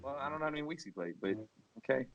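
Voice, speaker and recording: A man's voice: mid-range voice, animated, racing, vocal fry, fairly bright tone, highs cut off. A man co-hosting a casual sports podcast who sticks bluntly and confidently to his opinions. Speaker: podcast co-host.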